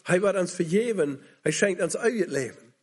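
A man's voice: sits high, lively intonation, moderate pace. A man preaching a sermon, earnestly pleading with listeners to come to Jesus.

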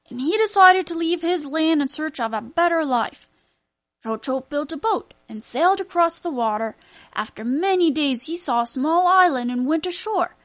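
A woman voicing a strong, kind old grandfather who tells his grandson stories, in a warm, steady storytelling manner. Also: sits high.

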